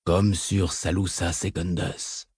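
A man voicing a calm, calculating mentat advisor in an audiobook, soft-spoken and reasoned. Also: sits low, slow, slightly rough, dry recording, clean studio sound, voice pushed down, full character voice. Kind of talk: audiobook reading.

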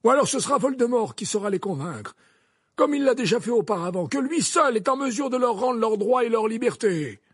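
A man reading an audiobook, voicing an old male wizard headmaster who speaks gravely and insistently. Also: very high-pitched, expressive, brisk, dry recording, clean studio sound, pitched above the performer's own voice, exaggerated voice. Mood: stern. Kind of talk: audiobook character voice.

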